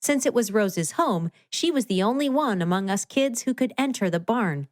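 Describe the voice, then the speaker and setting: A woman narrating a scripted children's story in an expressive read-aloud manner. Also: mid-range voice, moderate pace, no echo, studio quality.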